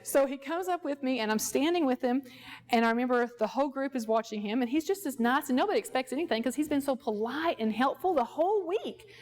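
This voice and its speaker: Female therapist presenting a workshop; conversational, anecdote-driven, slightly high voice. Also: expressive, fast, a little mellow. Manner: conversational, storytelling, acts out quoted dialogue. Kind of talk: lecture with personal anecdotes. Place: workshop at a ranch.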